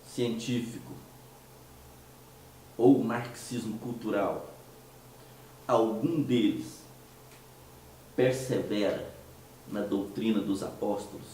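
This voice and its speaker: This commentary-show host from Minas Gerais, Brazil, speaks with a Mineiro Brazilian Portuguese accent, his fairly low, dark, mellow voice hoarse from a cold. His casual monologue moves at an unhurried pace, full of hesitant restarts and rhetorical questions. Recorded from a distance in a very echoey room, the audio carries faint noise beneath him.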